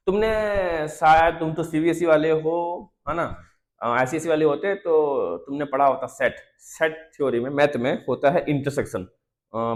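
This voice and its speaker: A man teaching a fast revision lesson, constantly quizzing his students and calling them "beta" and "yaar". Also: on the high side.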